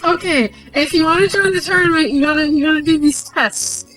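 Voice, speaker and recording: A cursing, dismissive short trainer with a raised, squeezed-up voice, as a woman puts him on while retelling a game. He brushes off newcomers in rough slang. Faint music sits behind. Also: sits high, a little fast, a bit bright, voice pushed up. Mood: gruff, dismissive.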